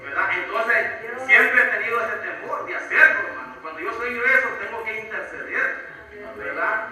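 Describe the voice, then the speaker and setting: A man's voice: high-pitched, normal speed, a crowd in the background. A man in his thirties giving a fervent preaching testimony in church, often asking "¿verdad?" and calling people "hermano". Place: church sanctuary. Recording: echoey church hall from far off.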